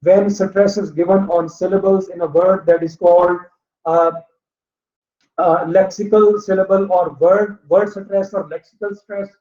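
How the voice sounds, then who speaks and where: High, flat-voiced male lecturer. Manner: steady explaining, mixing in English terms, drawn-out uh fillers. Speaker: teacher. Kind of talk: recorded online lecture. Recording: dull lo-fi recording.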